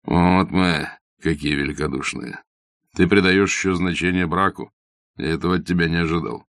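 A man's voice: sits low, steady tone, moderate pace, a bit bright, dry recording, clean studio sound. A man voicing a blunt young doctor who is curt, ironic and matter-of-fact in an audiobook. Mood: wry. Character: blunt young male doctor, mocking and self-assured.

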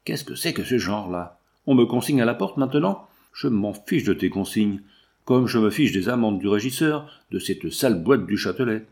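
A man's voice: on the low side, animated, normal speed, creaky, darkish tone. A man reading aloud, putting on the voice of a bold, cheeky red-haired young showgirl who scolds and teases. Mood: indignant. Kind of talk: audiobook reading.

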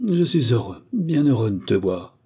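Mec qui joue vieux cousin timide, marmonne, voix sombre un peu rauque. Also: male voice, mid-range voice, sing-song, moderate pace, warm tone, husky. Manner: mumbling, hesitant. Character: shy older male cousin, quiet and timid.

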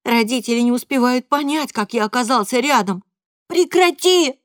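A woman reading a first-person audiobook in a quiet, even storytelling voice. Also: fairly high pitch, a little fast, dry recording, clean studio sound. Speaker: audiobook reader.

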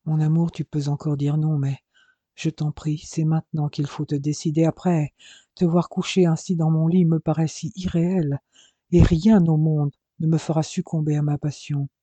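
A man voicing an ardent grown man in love, speaking softly and earnestly in a storybook reading. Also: a little high, little pitch movement, normal speed, no echo, highs cut off, close to an everyday voice. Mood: tender.

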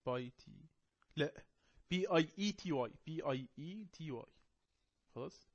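A man with an Egyptian Arabic accent, teaching an online English lesson. He reads the English text slowly and explains it quickly in Arabic. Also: a little high, highs cut off.

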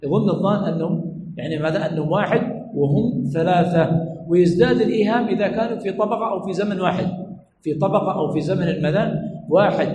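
A man's voice: sits high, fast talker, a little mellow, reverberant, a little hiss or hum, low-quality recording. A sheikh teaching a class lesson, repeating each point and asking his students what comes next, then answering himself. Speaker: sheikh teaching hadith terminology. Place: lecture room at a religious study center.

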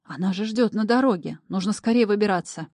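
A woman reading the lines of a practical, unruffled young man in a calm, matter-of-fact way. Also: medium pitch, brisk, no echo, studio quality, natural voice.

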